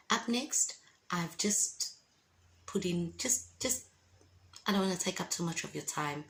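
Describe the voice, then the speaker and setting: Gravelly-voiced woman in her fifties. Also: lowish voice, a bit bright, slight background noise. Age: 50s. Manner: emphatic and encouraging, preachy asides. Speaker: vlogger giving a testimony. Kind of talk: casual faith testimony.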